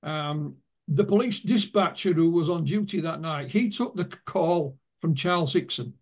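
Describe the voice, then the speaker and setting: Higher-voiced male author telling stories. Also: normal speed. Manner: anecdotal, retells witnesses' words. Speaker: author and guest. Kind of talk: interview storytelling.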